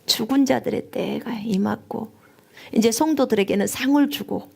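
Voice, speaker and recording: A woman missionary preaching a sermon, telling her story with strong emotion, at times rising high and near tears. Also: normal speed, gravelly, a little mellow, husky. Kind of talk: live-streamed sermon testimony.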